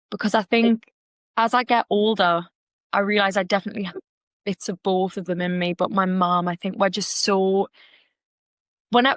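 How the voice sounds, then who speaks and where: A young woman from Gateshead in North East England speaks with a Geordie accent, her mid-range voice fairly bright and recorded with no room sound. She's a podcast guest in a casual interview chat, often restarting and using fillers.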